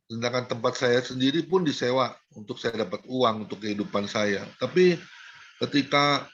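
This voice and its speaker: A man's voice: normal speed, a bit bright, a little hiss or hum. Emotional male evangelist on a muffled call. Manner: emotional storytelling, pitch rises high when stressing. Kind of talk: sermon testimony. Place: home, joining an online service. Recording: dull lo-fi video call audio.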